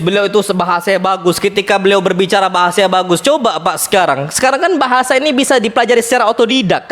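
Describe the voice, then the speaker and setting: A man teaching an Islamic study lecture, speaking in a lively way, often calling his listeners "Pak" and weaving in Arabic terms. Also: sits high. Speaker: ustadz. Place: Islamic center lecture hall.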